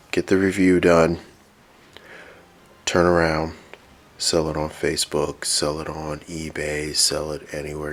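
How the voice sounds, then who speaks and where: Very deep-voiced man reviewing toys. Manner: relaxed, rambling with many fillers. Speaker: toy reviewer. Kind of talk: casual product review.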